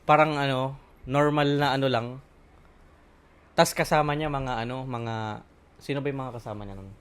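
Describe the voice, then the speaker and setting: A man from the Philippines talks in a relaxed, chatty way on a podcast. He tells long stories and pads them with fillers as he thinks aloud. His voice sits in an ordinary middle pitch. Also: moderate pace, clean tone. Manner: chatty, storytelling, many fillers. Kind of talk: casual chat.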